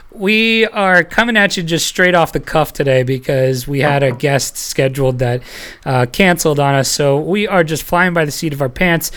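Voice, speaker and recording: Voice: medium pitch, fairly bright tone. A podcast host leading a casual panel chat, loose and rambling, laughing often and reading headlines aloud.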